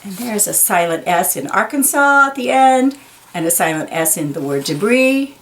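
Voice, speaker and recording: In a low-quality recording, a woman with an animated, medium-pitched voice reads a children's picture book aloud. She is slow and deliberate, enunciating and stressing key words and explaining them simply for young listeners.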